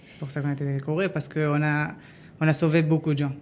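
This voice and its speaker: This male interview guest from Israel, once an army dog handler, searches for words as he tells his story in halting, non-fluent French marked by an Israeli accent. The voice sits on the high side, darkish in tone, with little pitch movement.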